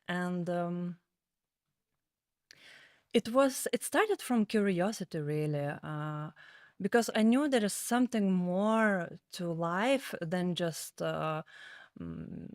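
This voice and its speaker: A woman in her thirties with a Lithuanian accent hosts a podcast in an unhurried, halting way. Her speech is slow and she often pauses on small fillers. The sound is dry and close, with little room behind her. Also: on the low side, clear, resonant tone, no room sound. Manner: calm, halting, with frequent fillers. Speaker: podcast host. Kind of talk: casual podcast chat.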